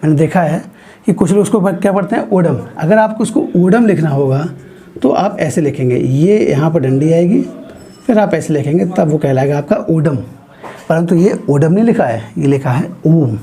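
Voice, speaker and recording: Slow-paced male Hindi grammar teacher. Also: on the high side, animated, dark tone. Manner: slow, explanatory, asks students questions. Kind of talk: classroom grammar lesson.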